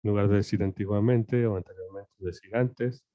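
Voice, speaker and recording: A man's voice: on the low side, fairly even intonation, moderate pace, no echo. A man teaching a recorded lecture over slides, explaining examples and often checking in with "¿no?" and "eh" fillers. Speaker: language teacher. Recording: dull, dry lo-fi.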